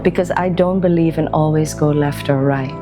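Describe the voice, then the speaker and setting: With a deep voice and a steady tone, a Belgian woman in her forties, a wellbeing practitioner, reads a contemplative documentary voice-over. She speaks slowly and softly, leaving pauses between thoughts, with music underneath.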